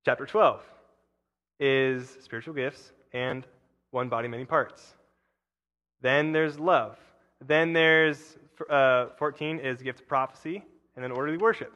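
Man, preacher, casual rambling sermon, bright forceful tone, lingering church reverb, fillers and restarts. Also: fairly even intonation, measured pace, highs cut off. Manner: rambling, self-interrupting, with frequent fillers and restarts; bursts into loud, high emphatic paraphrase.

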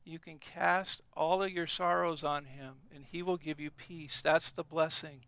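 A middle-aged man delivers a sermon in an earnest, emphatic way, coming back to his key phrases again and again. His voice is bright, smooth and a little higher than most men's. It is recorded close and dry, with no room sound. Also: steady tone, unhurried, no echo, rough recording. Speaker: preacher.

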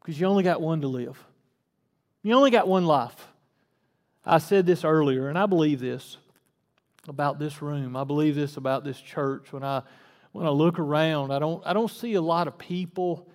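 A pastor in his forties delivers a casual sermon in a church sanctuary, speaking in a folksy, conversational way at normal speed and now and then pushing into fervent emphasis. His voice is high for a man, and a long reverb trails his words.

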